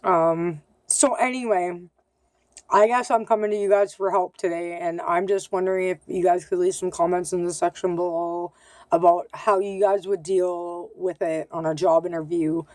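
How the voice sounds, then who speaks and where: A woman in her thirties talks to camera in a loose video-diary way, pausing often with ums and sounding candid and a bit self-conscious. Her voice sits a little low and carries a slight lisp. The sound is dry and close, with no room echo. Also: steady tone, darkish tone. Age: 30s. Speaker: vlogger.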